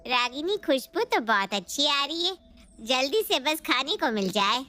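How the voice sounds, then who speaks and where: A gossipy neighbor woman in a cartoon story, voiced by a woman in a high register. She teases her friend freely and chatters about food. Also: very animated, measured pace, sharp tone, heavily acted. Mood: teasing. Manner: teasing, gossipy. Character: chatty greedy middle-aged woman neighbor.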